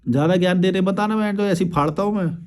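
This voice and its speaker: A man's voice: high voice, quick pace, darkish tone. A young man, a YouTube creator, replying to viewer comments in a blunt, crude and combative rant with frequent swearing.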